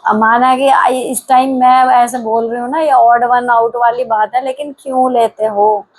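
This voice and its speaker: Frank middle-aged woman, slightly high voice. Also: flat delivery, unhurried, rough recording. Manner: frank, blunt, talks straight to the viewer; mixes English words into her speech. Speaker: host answering viewer comments. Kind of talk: casual advice chat.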